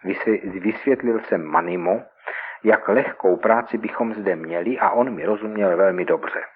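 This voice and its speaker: A man narrating a story in a measured, scripted radio reading. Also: low voice, a little hiss or hum. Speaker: reader. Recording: tinny old radio recording.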